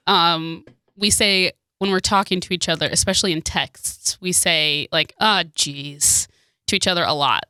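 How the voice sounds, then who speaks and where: A woman's voice: lowish voice, normal speed, bright, forceful tone, smooth, dry recording, studio quality. A young woman co-hosting a podcast in casual chat, rambling and giggling often. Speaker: podcast co-host.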